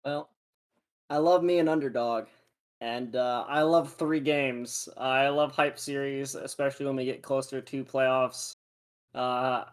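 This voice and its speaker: Casual esports desk analyst. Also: medium pitch. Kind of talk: casual pre-match analysis.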